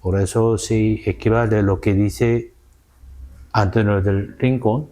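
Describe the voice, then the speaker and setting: In a warm, lowish voice and a steady tone, a South Korean scholar responds to interview questions. His Spanish is halting and careful, clearly non-native with a Korean accent, and he regularly slips in "¿no?".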